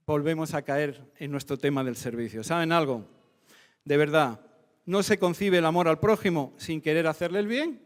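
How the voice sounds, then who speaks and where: Spanish pastor guy preaching, fairly high voice, lots of reverb in the church hall. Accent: Spain Spanish. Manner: fervent preaching with rising emphatic lists. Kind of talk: sermon.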